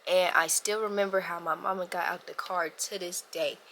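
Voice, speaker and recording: Young woman, vlogger, storytime, animated, slangy, bright forceful voice. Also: lowish voice, normal speed, slight background noise. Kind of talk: storytime vlog.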